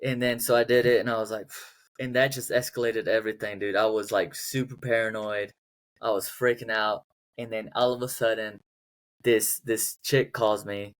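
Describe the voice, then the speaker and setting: A man's voice: lowish voice, level tone, normal speed. A young man co-hosting a casual podcast, telling a story in a laid-back, slangy way. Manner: laid-back, slangy, says dude a lot. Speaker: podcast co-host.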